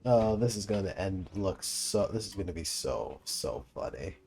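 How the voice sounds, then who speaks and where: This young man, a gaming streamer reacting to a game, keeps his playthrough commentary casual and amused, heavy on slang and swearing. His low voice is expressive and a little mellow, with vocal fry, at normal speed over faint game music.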